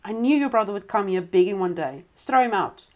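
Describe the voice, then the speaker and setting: A woman's voice: medium pitch, expressive, a little fast, lightly acted. Woman doing a shrieking mean rich wife. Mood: scornful. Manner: shrieking, loud.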